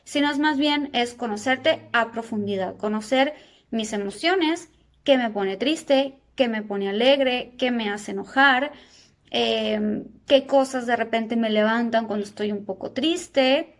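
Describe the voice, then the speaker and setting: High-voiced woman psychologist in her thirties. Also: unhurried. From Argentina. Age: 30s. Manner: calm, explanatory, addresses viewers directly with rhetorical questions. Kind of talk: educational talk.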